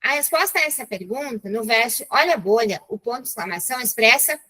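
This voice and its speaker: A woman's voice: on the high side, expressive, quick pace, sharp tone, poor audio. A woman with a Brazilian Portuguese accent teaching a live online class over a video call, chatty and encouraging, checking in with her students again and again.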